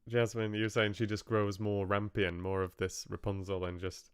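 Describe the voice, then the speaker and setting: This man's fairly low voice is smooth, with little pitch movement and a moderate pace, captured in studio quality without room sound. He hosts a live book club, musing on fairy tales with live chat in a casual, rambling, jokey way.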